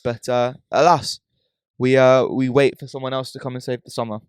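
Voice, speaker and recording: A man's voice: mid-range voice, level tone, moderate pace, clear, resonant tone, no room sound. British man in slangy, dry-sounding podcast chat. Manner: slangy, says "bro" and "yeah" as tags. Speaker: podcast host.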